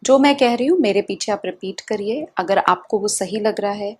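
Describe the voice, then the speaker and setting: Calm Indian woman guiding a tapping session. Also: mid-range voice, slight background noise. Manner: calm, slow guiding with repeated affirmations. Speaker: EFT tapping practitioner.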